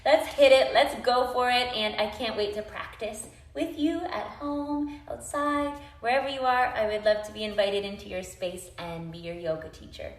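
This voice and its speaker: A woman's voice: fairly high pitch, normal speed, hardly any pauses. A woman yoga instructor giving tips in a casual, upbeat, chatty vlog, encouraging her viewers. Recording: echoey room.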